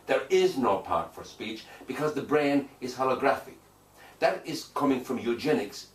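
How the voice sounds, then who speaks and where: A man working as a hypnotherapist, answering interview questions in an emphatic, declarative way and repeating phrases for weight. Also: mid-range voice. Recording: echoey room, distant mic, faint noise.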